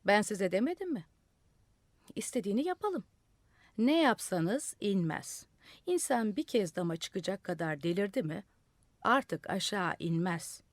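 A woman voicing a calm, sly old man who speaks slowly and knowingly, read in a radio studio. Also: medium pitch, no room sound, close to an everyday voice. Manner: slow, unhurried, measured.

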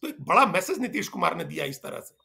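A man with a high, gravelly voice analyses political news in a discussion. His tone is bright and sharp, and he explains emphatically, repeating phrases for weight. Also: very animated, fast talker. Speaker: political journalist.

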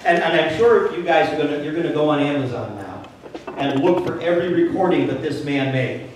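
A woman's voice: low-pitched, animated, a little fast, a little mellow, recorded from a distance. Woman pastor, conversational sermon, joking asides, heavy church echo, voice off-mic. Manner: chatty and joking, asks the congregation questions. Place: church sanctuary. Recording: very echoey church, voice off-mic, faint room hum.

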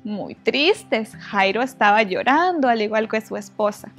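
Female children's storyteller, high bright voice, expressive and gentle, soft music under. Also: unhurried.

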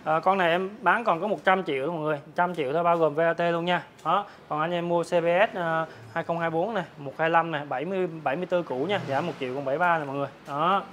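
Fast-talking, higher-voiced man doing a hard-sell pitch. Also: fairly even intonation, a bit bright, slight background noise. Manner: hard-sell, repetitive price listing addressed to viewers. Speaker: motorbike dealer presenting his stock. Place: large open-sided metal-roofed motorbike warehouse.

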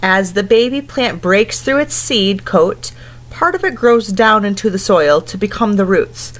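A woman in her thirties sits on the living room couch at home, reading a picture book aloud to young children. Her medium-pitched voice has lively intonation and a measured pace as she gives simple instructions and asks them questions.

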